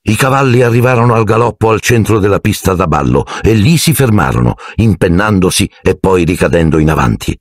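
A man reading an audiobook aloud in an expressive, animated way. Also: low-pitched, fairly quick, hardly any pauses, no room sound. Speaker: audiobook narrator. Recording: dry close recording.

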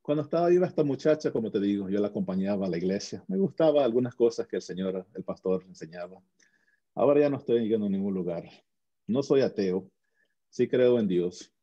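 Man, interview guest, very dark tone, husky, slightly low pitch, earnest casual storytelling, muffled lo-fi audio. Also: expressive, a little fast. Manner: earnest, talks with many restarts and tag questions.

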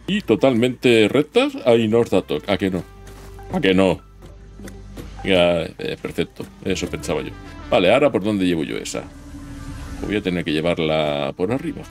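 A man with a very low, gravelly voice chats and jokes through a let's-play. He talks straight to the game as he builds. Loud game music plays underneath. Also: sing-song, moderate pace. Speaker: gameplay streamer. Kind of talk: casual let's-play commentary.

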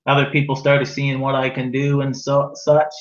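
An easygoing man in his forties, a guest joining a video call from home, speaks plainly and in a down-to-earth way. His mid-pitched voice comes through a webcam sounding dull and muffled, with a roomy echo around it. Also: completely flat delivery, moderate pace. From rural New Brunswick, Canada. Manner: easygoing, plain-spoken, with light laughs. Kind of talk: casual interview chat. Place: room at home. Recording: muffled, echoey webcam audio.

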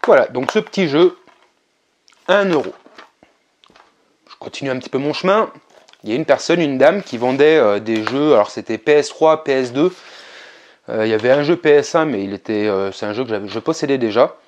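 A man narrating a casual vlog, relaxed and chatty, with frequent hesitations. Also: medium pitch, fairly quick, long pauses, muffled recording, a little hiss or hum. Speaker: video game collector vlogger.

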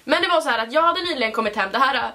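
A young woman with a high voice tells her story in a casual, chatty vlog style. She talks in an animated way and leans on fillers throughout. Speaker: vlogger host.

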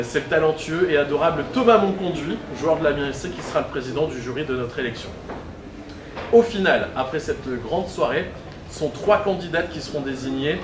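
A middle-aged man hosting a pageant event, announcing to a live audience in an upbeat way with many filler sounds. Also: fairly high pitch. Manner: upbeat, with frequent "euh" fillers. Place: event hall with a sponsor backdrop. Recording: echoey room, camera far off, background noise.

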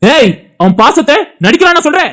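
A woman's voice: high voice, big pitch swings, moderate pace, fairly bright tone. A woman with a Tirunelveli Tamil accent voicing an angry husband in a cartoon, who scolds his wife in a heated, insulting way while defending his brother. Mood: contemptuous. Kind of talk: cartoon dialogue acting.

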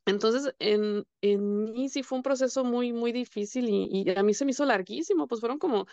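A woman's voice: a little high, moderate pace, a little mellow, dry recording, lo-fi sound. A woman sharing a personal faith testimony in a conversation, telling it earnestly and with feeling. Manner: earnest, emotional storytelling, quoting her husband and prayers.

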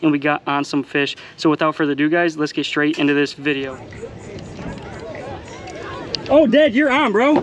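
A young man in his twenties giving chatty, excited running commentary while fishing from a small boat, recorded on a body-worn action camera. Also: a little high, moderate pace, pauses often. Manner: excited, chatty, calls viewers "guys" and "bro". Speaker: fishing vlogger host. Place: outdoors on a small boat on a bay. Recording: music playing underneath.

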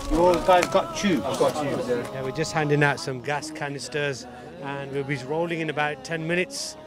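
A man's voice: on the high side, moderate pace, crowd noise. A man casually narrating the scene to camera outdoors before a group bike ride. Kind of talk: casual vlog talk.

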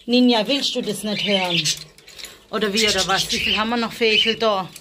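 A woman's voice: medium pitch, a little fast, heavy background noise. A woman filming a casual vlog in a stable, chatting to the viewer and coaxing her animals in a sing-song voice. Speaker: vlogger.

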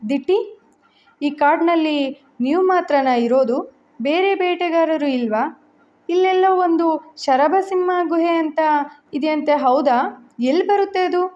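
A curious young man, voiced by a woman reader, presses with question after question. His lines come in a high, slow voice. The recording sounds dull and lo-fi. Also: a little mellow. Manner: inquisitive, questioning.

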